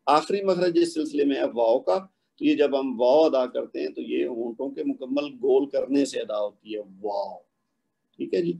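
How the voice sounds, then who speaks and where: Male tajweed teacher, husky edge, patient and explanatory, demonstrates sounds slowly. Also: medium pitch, darkish tone. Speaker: Quran recitation teacher. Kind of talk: spoken tajweed lesson.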